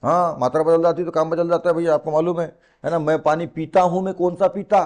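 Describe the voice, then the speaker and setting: A male coaching teacher lectures his class quickly in a slightly high, darkish voice with a level tone. He's colloquial and teasing, repeats key words, and fires rhetorical questions at his students.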